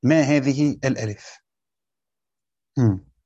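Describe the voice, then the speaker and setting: A man with an Egyptian Arabic accent teaching a classroom lesson, quizzing his students and repeating his points slowly. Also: mid-range voice, mellow, slightly rough, dry recording, dull audio. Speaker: teacher of Quran commentary.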